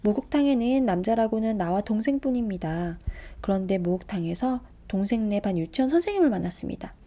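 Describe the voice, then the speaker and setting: A woman reading a children's picture book aloud with expressive narration and soft asides. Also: mid-range voice, brisk. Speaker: storybook reader.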